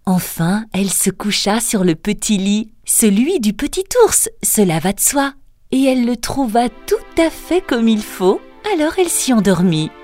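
Slow singsong woman storyteller. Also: medium pitch, lively intonation. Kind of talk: scripted fairy-tale narration. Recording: narration over soft music.

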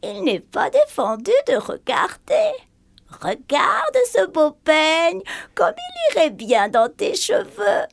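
A man doing a wicked old crone from a storybook, her voice shrill and creaky as it swoops wildly from squeak to croak. She drawls slowly, wheedling and cruel. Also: wildly swooping pitch, a bit bright, no echo, heavily acted. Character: cackling old witch peddler woman, wheedling and cruel. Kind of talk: storybook reading.

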